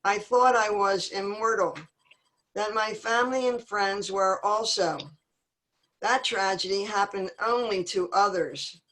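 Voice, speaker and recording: Woman reading a poem out loud, slow and steady, closing out a support group. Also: medium pitch, low-quality recording.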